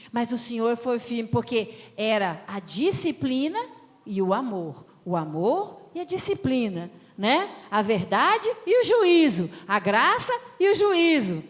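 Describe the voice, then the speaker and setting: A woman quoting her grown son, who earnestly and humbly thanks his father. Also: on the high side. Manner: earnest, slow. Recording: long hall reverb.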